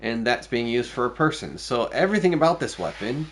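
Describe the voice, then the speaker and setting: A man's voice: mid-range voice, sing-song, a little fast, slight background noise. A man streaming a video game, thinking aloud through his choices in casual commentary.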